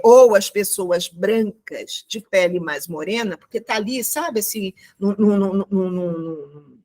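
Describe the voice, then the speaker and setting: A woman from Brazil teaching an online class, telling a story and reflecting aloud with many fillers and restarts. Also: medium pitch. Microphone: video call.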